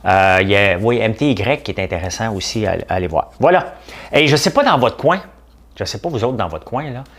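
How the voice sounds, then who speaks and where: A middle-aged man with a Québécois French accent, chatting casually and bluntly on a live stream as host, answering viewers with animated, dismissive asides. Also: on the low side, brisk. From Quebec. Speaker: host of a daily news and markets show.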